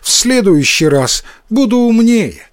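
A man's voice: high voice, very animated, a little slow, no room sound, clean studio sound, voice pushed up. A man doing a naive young village boy. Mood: resolute. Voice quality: raised childlike voice.

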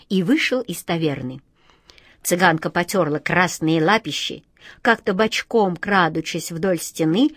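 A woman narrating a children's storybook with expressive, lively delivery. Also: on the low side, dry recording, studio quality. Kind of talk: storybook reading.

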